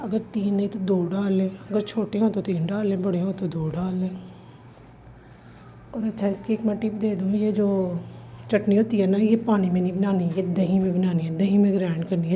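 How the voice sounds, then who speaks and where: A chatty woman narrates her day for a home vlog, homely and talking straight to her viewers. Her voice is mellow and soft-edged. The recording is a little dull, with faint household ambience behind her. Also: medium pitch. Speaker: vlogger. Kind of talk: casual vlog voice-over. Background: faint household noise.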